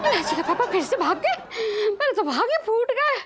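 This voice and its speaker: An actress playing an excitable, bossy wife who coaxes and shouts orders in a comedy TV serial. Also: female voice, moderate pace, noisy background. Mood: frantic. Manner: shrill, coaxing, then shouting orders. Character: bossy, excitable wife chasing her husband.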